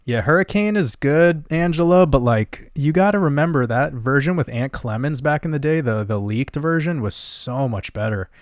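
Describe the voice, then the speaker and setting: A young man with a gentle voice hosts a livestream, chatting casually, answering viewer comments and rambling in a relaxed way with easy laughs. His voice is a little high and runs at normal speed with few pauses. The sound is clean studio quality with no room sound.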